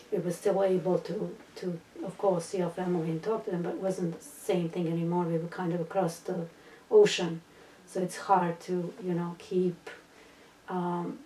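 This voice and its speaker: A woman's voice: on the low side, warm tone, slight background noise. Hesitant middle-aged woman, roomy. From Bosnia. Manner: hesitant, many fillers and restarts. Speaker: interviewee. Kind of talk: recorded personal story. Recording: roomy, distant mic, faint ambience.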